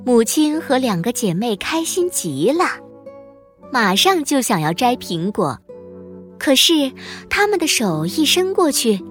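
A woman narrating a children's audio story, with slow, expressive storytelling. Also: sits high, soft background music.

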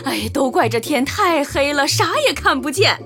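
A woman's voice: high-pitched, expressive, normal speed, fairly bright tone, faint music behind, pitched below the performer's own voice. A woman doing scatterbrained young mother Pangsao. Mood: fretful. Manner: exclaiming, fretful, lots of sighs. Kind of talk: children's storybook acting.

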